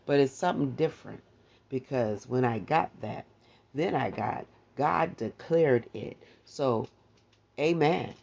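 A man's voice: medium pitch, vocal fry, a little mellow. A man preaching a morning devotional message, urging listeners on with repeated declarations. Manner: exhorting, repetitive, declarative. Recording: dull lo-fi recording.

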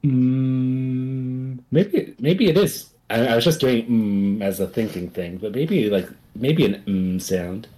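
A man's voice: medium pitch, expressive, slow, dark tone. Hesitant man thinking aloud. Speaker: guest guessing sounds. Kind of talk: casual chat.

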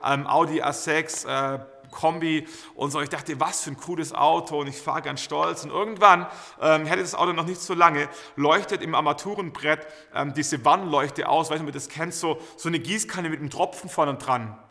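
Preacher guy, kinda high voice, gravelly edge, rambling stories, echoey hall. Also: moderate pace, few pauses. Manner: lively anecdotal storytelling with many fillers. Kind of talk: storytelling sermon. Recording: reverberant hall.

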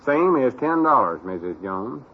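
Here, in a worn, muffled old radio recording, a medium-pitched, slightly rough, sing-song full character voice at a measured pace portrays a self-important Southern US country man in a comedy. He comes across as bossy, officious and exasperated, with a stiff, pompous mood that grows more so when reading.

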